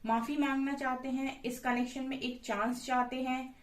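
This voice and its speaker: Female tarot reader, fairly high voice, casual and soothing, distant echoey room sound. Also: moderate pace. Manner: calm, reassuring, repeats "guys" and "okay" often. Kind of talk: casual tarot reading to camera. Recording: echoey room from far off the mic.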